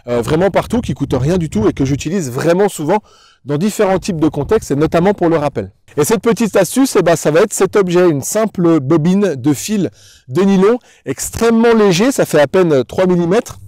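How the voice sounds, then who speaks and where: A man's voice: high-pitched, expressive, normal speed, mellow, no echo. A man working as a dog trainer, explaining things in a didactic, instructional way and addressing the viewer directly. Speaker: dog trainer presenting a tutorial.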